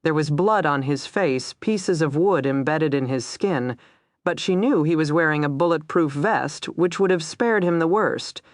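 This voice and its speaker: A woman narrating a dark crime thriller audiobook, tense and steady, voicing every character herself. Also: low-pitched, unhurried, no echo, studio quality.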